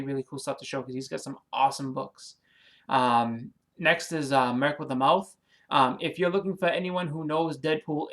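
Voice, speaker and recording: This comic and movie YouTuber speaks with a Boston accent in a medium-pitched, slightly bright voice. Friendly and a bit apologetic, he meanders through a casual vlog, thanking new subscribers with plenty of ums and you-knows along the way.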